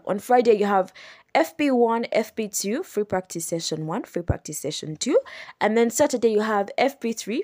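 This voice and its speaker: Patient woman explaining rules slowly. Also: mid-range voice, a little mellow. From Uganda. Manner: patient step-by-step explaining, repeating and correcting herself. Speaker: podcast host. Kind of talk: explanatory solo podcast.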